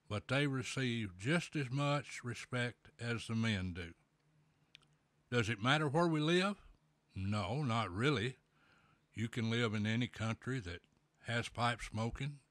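A middle-aged man hosting a show, talking in a slow, folksy, plainspoken way with a pipe in his mouth. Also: medium pitch, fairly bright tone, dry recording. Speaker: podcast host. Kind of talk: casual solo talk.

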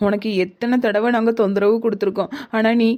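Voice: medium pitch, flat delivery, brisk, darkish tone, close to an everyday voice. A voice actor playing a trusting, affectionate village woman in a cartoon comedy. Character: gullible village woman, one of the sisters.

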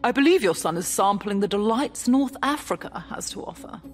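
A woman's voice: medium pitch, expressive, a little fast, soft background music, lightly acted. A woman voicing a proud, witty male playwright who answers threats with cool, sardonic defiance in a dramatized history podcast. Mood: defiant.

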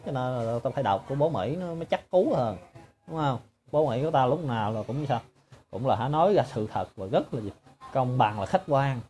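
A man's voice: mid-range voice, darkish tone. A man giving a sarcastic, mocking monologue to his viewers. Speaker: political commentator.

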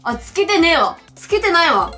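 A young woman from Japan chats through a mobile quiz game, reading each question aloud and answering with blunt, giggly reactions. Her voice sits high and swings widely in pitch. Faint music plays behind her. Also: big pitch swings, a little fast, sharp tone. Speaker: game streamer. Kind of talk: casual playthrough commentary.

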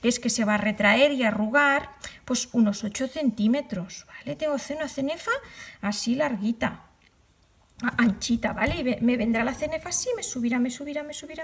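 Chatty high-voiced woman crafting. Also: slight background noise. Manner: chatty, self-mocking, trails off into whispers while working. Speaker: crochet tutorial host. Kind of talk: casual tutorial chat.

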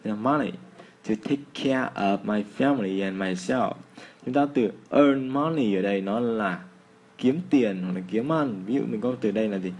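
Low-voiced Vietnamese teacher explaining English. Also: male voice, darkish tone, a little hiss or hum. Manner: slows down to model English phrases. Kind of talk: casual explanatory lesson.

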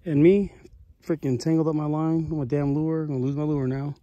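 A man's voice: a little high, steady tone, fairly quick, warm tone, no room sound, highs cut off. A man in his forties chatting casually and rambling a little, filming himself with a phone at arm's length on a mountain lakeshore. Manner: laid-back, rambling, peppered with fillers. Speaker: vlogger on a family fishing trip. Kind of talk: casual explanatory chat.

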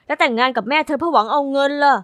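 A meek, timid teenage boy, voiced by a woman speaks in a hushed, hesitant way. The voice stays high and bright, with a dry close sound. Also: racing, dry recording. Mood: worried. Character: timid teen boy classmate, meek and gossipy.

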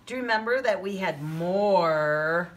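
A woman's voice: on the low side, lively intonation, measured pace. A woman teaching preschoolers like a kids' show host, with sing-song delivery and simple repeated questions for young children. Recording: noticeable background noise.

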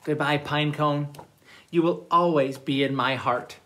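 A man voicing a gentle, caring little male penguin in a storybook reading, in a soft, tender voice. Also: a little high, fairly even intonation, measured pace.

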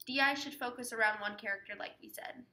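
A woman's voice: fairly high pitch, fast talker, sharp tone, reverberant, poor audio. A teenage girl explaining how to prepare a dramatic interpretation piece, reading out headings and then explaining them with fillers. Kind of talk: casual instructional talk.

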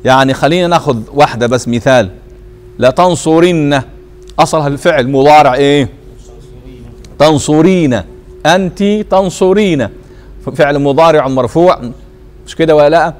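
A man from Tunisia teaching a grammar lesson. He keeps asking the class short questions and answers them himself, and he drags the example words out slowly and says them twice. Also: fairly high pitch. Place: teaching circle in a mosque hall.

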